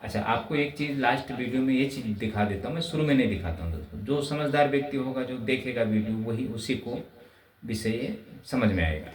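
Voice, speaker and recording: A man gives a spoken music lesson and explains each point with patient care, often turning to his viewers as friends. His voice sits at an ordinary middle pitch. He sounds a bit far from the mic in a roomy, echoing space with a faint hum of ambience behind him. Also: lively intonation, fairly quick. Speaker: music teacher.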